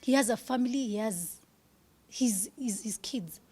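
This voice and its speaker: A woman's voice: a little high, a little slow, darkish tone, husky. A woman in her thirties, speaking candidly as an interview guest, earnest and at times dropping to a whisper.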